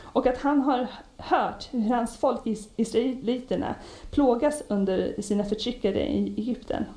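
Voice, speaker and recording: A woman preaching a sermon in a conversational storytelling way, often pausing with hesitations. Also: on the high side, warm tone. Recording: echoey room.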